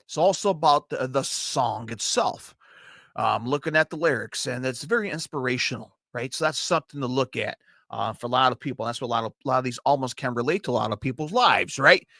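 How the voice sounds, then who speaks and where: A man's voice: mid-range voice, expressive, brisk, vocal fry, bright, forceful tone, no echo, clean studio sound. A man with a Chicago accent hosting a podcast, reviewing metal albums in an enthusiastic, profane, rambling way. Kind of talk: casual solo podcast review.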